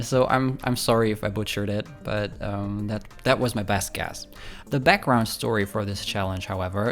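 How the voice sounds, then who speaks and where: This speed-build video host has a fairly bright, mid-range voice. Chatting loosely over his home-building game footage, he stays friendly and a bit apologetic, dropping plenty of ums.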